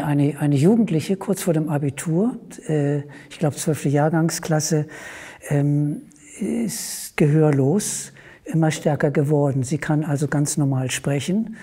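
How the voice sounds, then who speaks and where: Male guest with a husky, soft-toned voice, musing through examples. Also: fairly high pitch. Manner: anecdotal, thinking aloud. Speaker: discussion guest. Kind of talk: academic discussion.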